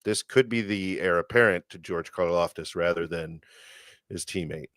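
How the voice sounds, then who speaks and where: A man's voice: deep voice, normal speed, fairly bright tone, no echo, clean studio sound. A man co-hosting a casual sports podcast, talking in an enthusiastic, chatty way and sometimes searching for words. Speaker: podcast co-host.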